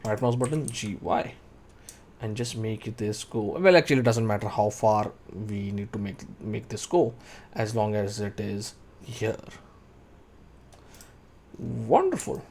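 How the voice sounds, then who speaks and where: This man, in his thirties, speaks with a low-ish, creaky, slightly mellow voice, animated yet a little slow with long pauses. He's a 3D modeling tutor recording his screen for a software tutorial, thinking aloud and naming keyboard shortcuts as he goes.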